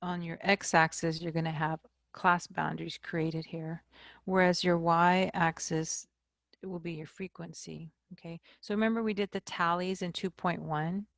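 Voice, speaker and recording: A woman math instructor giving a recorded lecture, explaining slowly and checking in with "okay?". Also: on the low side, level tone, gravelly, dry recording, studio quality.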